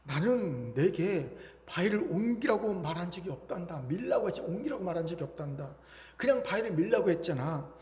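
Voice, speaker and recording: A gentle, fatherly God , as a preacher puts him on, speaks slowly and softly in a fairly high voice. The words ring out in a big, echoing church hall with a long reverb. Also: expressive. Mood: tender.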